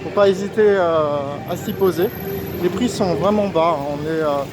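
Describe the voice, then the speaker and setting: A man's voice: sits high, moderate pace. A man giving a casual walking tour as a vlogger, his voice slightly muffled through a face mask, outdoors on a busy street. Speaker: vlogger, street food guide. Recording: outdoor street recording with clear traffic noise. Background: urban street noise, vehicles.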